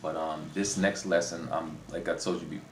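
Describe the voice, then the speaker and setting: A man's voice: a bass voice, fairly even intonation, normal speed. A man hosting a language-learning video, giving casual unscripted advice in a rambling way, often repeating and rephrasing himself. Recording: roomy echo, faint background noise.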